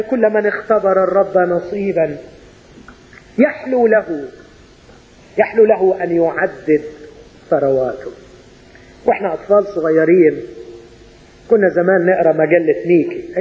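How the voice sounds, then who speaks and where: A man preaching a sermon with an Egyptian accent, asking his listeners rhetorical questions and swinging from loud exclamations to hushed, drawn-out words. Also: high-pitched. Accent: Egyptian Arabic. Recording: muffled sound in a reverberant hall.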